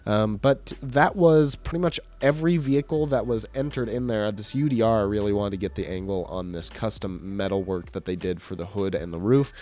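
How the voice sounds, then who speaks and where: A man hosts his own video, narrating a hobby car show in a casual, rambling voice-over while his voice is giving out. His voice is on the low side and darkish, a little fast with few pauses, full of fillers and restarts.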